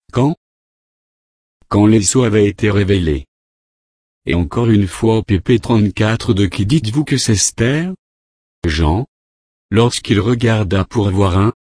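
A man preaching a sermon, reading scripture aloud and asking rhetorical questions in a deliberate way. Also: on the low side, a little mellow, dry recording, studio quality.

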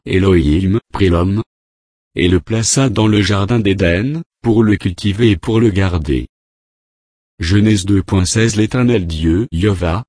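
Slow, measured low-voiced male preacher. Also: dry recording, studio quality. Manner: slow, measured, repeats divine names in a steady cadence. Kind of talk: slow Bible-study sermon reading scripture.

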